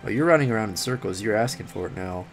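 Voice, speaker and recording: A man hosting a gaming video, giving casual, excitable commentary with yelps and jokes about the game. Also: on the low side, fast, faint music behind.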